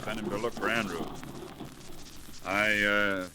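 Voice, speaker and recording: An actor playing a brusque, commanding airline boss in a 1930s radio drama. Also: male voice, on the low side, steady tone, measured pace, noisy background, natural voice. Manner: gruff, commanding, impatient. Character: brusque middle-aged male airline boss. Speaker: airline company head.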